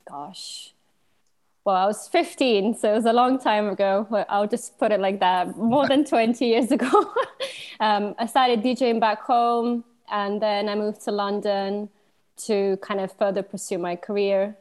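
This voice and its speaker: A woman from Slovenia in her thirties, a DJ guest talking in a relaxed, thoughtful way, with many pauses and easy laughs. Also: mid-range voice. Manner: thoughtful, hesitant, laughs easily. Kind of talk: casual interview chat.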